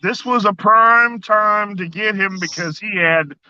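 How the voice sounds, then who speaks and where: Slow, bright-voiced, hesitant man. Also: high voice, smooth, dry recording. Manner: halting, hesitant. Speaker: league member on a call. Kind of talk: casual chat. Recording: dull lo-fi phone call audio.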